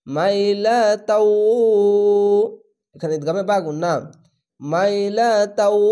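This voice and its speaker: A man teaching Quran reading in a spelled-out lesson, drawing out recited words very slowly and then explaining each rule in a plain, instructive voice. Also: sits high, darkish tone.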